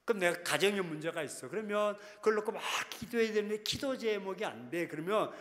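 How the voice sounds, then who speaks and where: A man with a high-pitched voice preaches in a loose, conversational way, teasing his listeners. He swings into fervent, dramatic prayer voices as examples. His words ring out with a long reverb in a large prayer hall. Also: lively intonation, quick pace, fairly bright tone. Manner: conversational preaching, teasing the congregation, rising to impassioned acted prayers. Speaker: pastor. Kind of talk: sermon.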